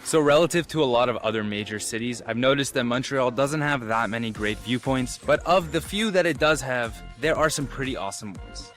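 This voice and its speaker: A man hosts a travel guide with an enthusiastic, informal delivery. His voice sits at a middle pitch, with music playing behind it. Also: a little fast, few pauses, a bit bright. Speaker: travel vlogger. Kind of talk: presenting a city travel guide video.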